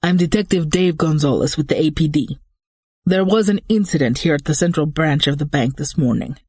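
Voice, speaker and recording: An audiobook narrator voicing a calm, formal police detective speaking in measured terms. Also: medium pitch, breathy edge, no echo, studio quality.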